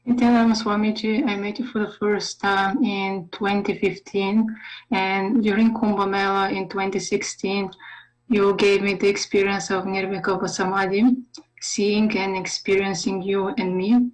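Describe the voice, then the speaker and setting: A woman's voice: mid-range voice, level tone, measured pace, rough recording. A woman giving a reflective devotional testimonial in read-out phrasing.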